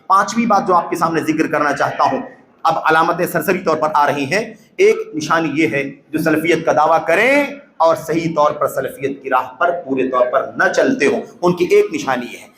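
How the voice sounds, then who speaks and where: A man preaching a sermon in a mosque, emphatic, with rhetorical questions and loud exclamations. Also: fairly high pitch, slight background noise. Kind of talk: Urdu sermon lecture. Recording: echoey hall with faint ambience.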